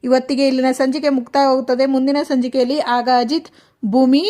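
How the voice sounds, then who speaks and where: A woman's voice: high-pitched, little pitch movement, quick pace, mellow. A woman reading a serial episode recap in a plain storytelling way.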